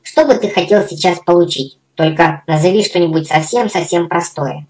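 A man voicing a small, cheeky male magical creature in a squeaky, quick, teasing voice for a storybook reading. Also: a little mellow, natural voice. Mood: eager, teasing.

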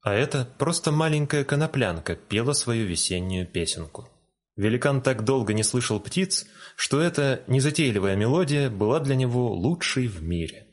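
A man reading a fairy tale aloud in a calm, gentle storytelling manner. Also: on the low side. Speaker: narrator. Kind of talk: storybook narration.

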